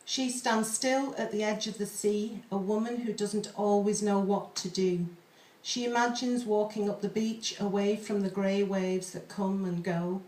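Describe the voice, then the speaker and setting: Woman poet, measured open mic recital with spaced-out phrases, a little distant from the mic, echoey. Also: mid-range voice, fairly even intonation, darkish tone. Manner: deliberate, pausing between short phrases. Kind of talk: slow, measured poetry recital. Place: live open mic room.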